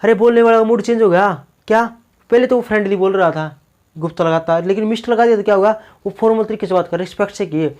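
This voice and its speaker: A man's voice: high-pitched, quick pace, a little mellow. A male teacher giving a classroom grammar lecture, peppering it with rhetorical questions and repeated "okay ji" check-ins.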